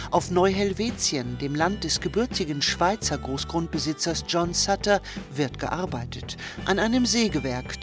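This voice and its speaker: A man narrating a scripted radio history documentary. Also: a little high.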